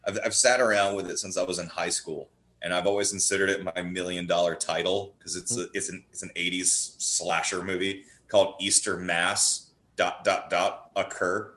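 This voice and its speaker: A horror playwright with a deep voice chats casually and enthusiastically about films as a podcast guest, rambling through stories and restarting his words as he goes. His delivery is flat, at normal speed, pushed and bright, and the sound is roomy and echoing.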